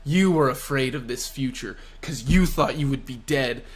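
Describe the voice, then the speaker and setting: A man voicing a cocky, calm male pirate fighter who taunts his foe in a teasing drawl while retelling a comic. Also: mid-range voice, moderate pace, natural voice. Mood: taunting.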